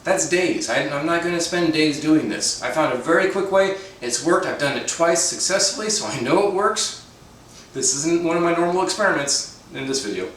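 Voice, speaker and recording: A man's voice: on the high side, moderate pace, fairly bright tone. A man hosting his own cooking channel from his home kitchen, talking casually with dry, self-deprecating jokes and chatty asides. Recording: very echoey room, mic at a distance, faint noise.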